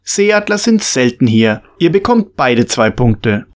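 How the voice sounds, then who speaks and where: A man's voice: medium pitch, big pitch swings, takes it slowly. Man voicing a patient, cheerful dad. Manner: patient, explaining. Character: friendly father explaining nature to his kids. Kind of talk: storybook reading.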